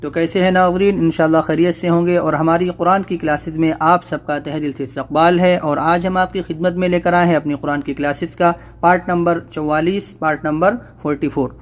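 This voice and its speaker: A man with a fairly high voice teaches Quran reading in a recorded lesson. His explanations come out brisk, and then he slows right down to spell out each syllable and drag out the sounds for the learner to copy. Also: steady tone. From South Asia.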